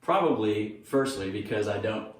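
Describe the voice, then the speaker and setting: A man's voice: lowish voice, animated, moderate pace. A man from Texas, a country singer, answering interview questions modestly and a bit hesitantly. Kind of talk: casual interview. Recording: echoey room, mic far off, faint noise.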